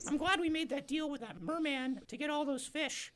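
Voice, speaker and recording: A really high squeaky fisherman, jumpy and excitable, comedy improv. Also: moderate pace. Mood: gleeful. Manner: high-pitched, exclaiming. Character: excitable, easily spooked fisherman on a boat. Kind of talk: improvised comedy role-play.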